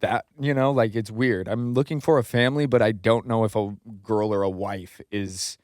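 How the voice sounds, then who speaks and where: A man in casual podcast chat, talking earnestly with hesitant, halting phrasing. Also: on the low side, fairly even intonation, darkish tone, no echo, studio quality.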